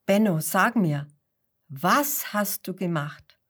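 A woman voicing a puzzled male shepherd in a children's story, speaking low and wondering aloud. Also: expressive, slow pace, a bit bright, slightly rough, heavily acted. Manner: lowered voice, wondering questions.

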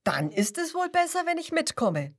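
A woman's voice: very high voice, sing-song, normal speed, pitched above the performer's own voice, heavily acted. A woman voicing a friendly, curious cow in a children's story. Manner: friendly, questioning.

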